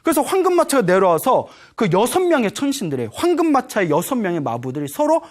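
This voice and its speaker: A man preaching as a Buddhist monk, telling a story to a live audience. His voice sits high and swings up and down a great deal. He keeps checking in with his listeners through short, quick questions. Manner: animated storytelling, prodding the audience with "예?". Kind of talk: dharma talk to a live audience.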